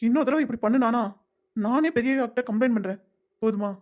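A woman's voice: a little high, a little fast, darkish tone, natural voice. A woman voicing a pleading young son. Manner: earnest, pleading. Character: young adult son pleading with his mother. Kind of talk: animated web series voice acting.

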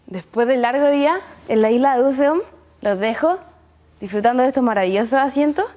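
Her voice sits high and a touch dark, and she talks a little fast over gentle background music. This young adult exchange student from Chile, with a Chilean Spanish accent, hosts a relaxed travel piece outdoors around a beach resort town and its shoreline. She chats eagerly and speaks directly to the audience.

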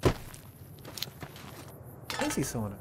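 Over heavy background noise, a man speaks a little slowly while casually commenting on his video game playthrough. This gameplay streamer and mod author talks straight to the enemies, taunting them mockingly and cursing.

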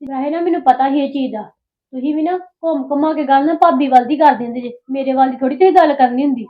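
A woman's voice: high voice, fast talker, close to an everyday voice. A young woman, playing a spoiled, sulky younger sister-in-law who complains a lot. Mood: complaining. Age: early 20s. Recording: dull lo-fi sound.

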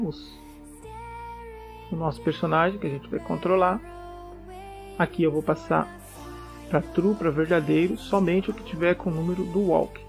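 Gravelly man teaching code. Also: a little high. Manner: relaxed, explains step by step with frequent "né?" checks. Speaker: programming tutor. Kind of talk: casual screencast coding tutorial.

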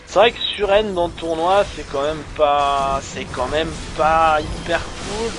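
High-voiced man casting a video game. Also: measured pace. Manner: hesitant, many fillers, speeds up on plays. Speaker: esports caster. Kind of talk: live game commentary. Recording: commentary over loud game music.

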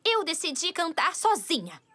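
Very high-pitched diva girl. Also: sing-song, moderate pace, bright, forceful tone, full character voice. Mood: self-important. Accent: Brazilian Portuguese. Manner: self-important, dramatic, whiny when crossed. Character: vain, bossy young girl pop star. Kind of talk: animated cartoon dubbing.

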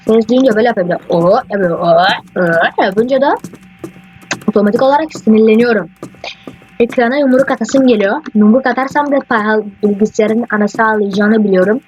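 A man doing casual let's-play commentary, rambling and excitable, often swearing at the game. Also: high voice. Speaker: gaming YouTuber. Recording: dull lo-fi mic with faint hiss.

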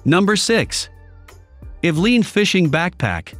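Man, scripted review voice-over, fairly high voice, lively pitch, lists of features, advertising tone. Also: slow pace. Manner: reads lists of product features in an even, advertising tone. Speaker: product review narrator. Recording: faint background music under the voice.

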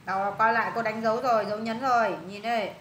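A woman's voice: on the high side, fairly even intonation, fast talker, roomy sound, noisy background. A woman with a Vietnamese accent tutoring a student one-on-one in English pronunciation, patiently repeating words and prompting answers.

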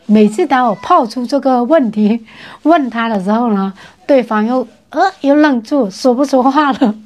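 A talkative woman tells stories to the camera in a relaxed vlog. Her voice sits a little high, and she retells conversations by speaking the other people's lines herself. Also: normal speed. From mainland China. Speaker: vlogger. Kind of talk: casual storytelling vlog.

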